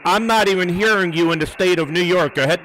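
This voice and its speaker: High-pitched man operating ham radio over static. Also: fast, pushed and bright, low-quality recording. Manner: repeats words and call signs methodically. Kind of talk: live radio contact and antenna test commentary.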